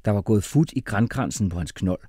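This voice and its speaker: A man's voice: on the low side, animated, dark tone, no echo, clean studio sound. A man narrating a story in the first person, reading expressively. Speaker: audiobook narrator.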